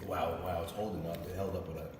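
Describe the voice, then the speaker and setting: A man from New Jersey hosting a food vlog, tasting pizza and hyping it with loud bursts of excited praise in a hotel press room. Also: low voice, fast. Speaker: pizza reviewer host. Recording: echoey hall with faint background noise.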